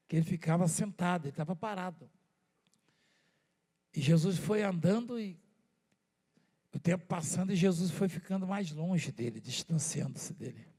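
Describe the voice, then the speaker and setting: A Brazilian-accented male preacher delivers his sermon in a loose, conversational way, leaning on rhetorical questions and repeated words. His voice sits high for a man and has a husky, gravelly grain. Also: a little mellow. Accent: Brazilian Portuguese.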